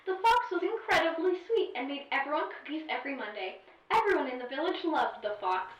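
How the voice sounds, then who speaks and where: In an audio drama, a woman voices a snippy, teasing AI companion with sighs and dramatic emphasis, speaking fairly quickly in a high voice with lively intonation. It's storytelling in a sassy manner, and the recording sounds echoey and distant, leaving her voice dull.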